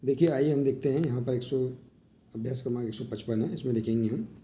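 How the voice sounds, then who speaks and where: A man's voice: medium pitch, brisk, dark tone. A man teaching a workbook lesson, patiently walking through examples and often telling the listener to look. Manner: explains patiently, often saying "देखिए" while pointing to examples.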